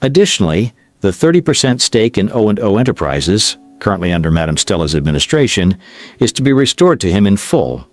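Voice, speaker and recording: A man's voice: on the low side, expressive, fairly quick, hardly any pauses, no echo, close to an everyday voice. Man doing a strict judge reading out a ruling, firm and formal. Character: stern middle-aged male judge.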